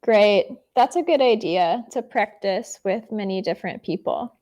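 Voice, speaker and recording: Over a video call, a woman from the US helps a learner practice English conversation, offering encouragement and frequently using filler words. She talks at a moderate pace in a mid-range, slightly mellow voice.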